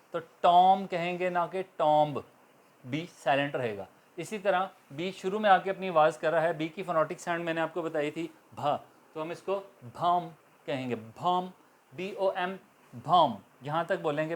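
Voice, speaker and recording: A man giving an English grammar lesson, speaking slowly and deliberately, spelling words out letter by letter and repeating examples for learners. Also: fairly high pitch. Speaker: English teacher. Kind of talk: classroom-style grammar lesson.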